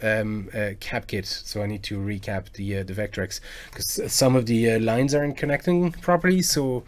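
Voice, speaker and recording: Chatting with his viewers at a normal speed, a French stream host in his forties, who also makes game music covers, speaks in a low voice. His casual talk wanders freely and is punctuated by frequent excited outbursts.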